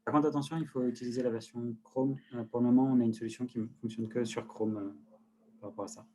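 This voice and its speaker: A man co-presenting a software webinar, explaining its features in a halting, conversational way. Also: mid-range voice, fairly even intonation, slight background noise. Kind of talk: live webinar demo.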